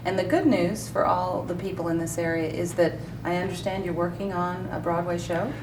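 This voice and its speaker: A woman's voice: fairly low pitch, flat delivery, a little fast. A woman hosting a live public television broadcast, interviewing a guest in a polished, promotional way. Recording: distant mic with noticeable noise.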